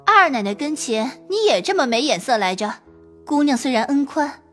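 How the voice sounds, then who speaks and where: A woman playing a clever young maid in an audio drama, sharp-tongued with the servants and smooth with her mistress. Her voice sits high and swings lively up and down, with faint music underneath. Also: moderate pace, exaggerated voice. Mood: scolding. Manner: scolding, then coaxing with a smile. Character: quick-witted young maid, sharp-tongued yet tactful.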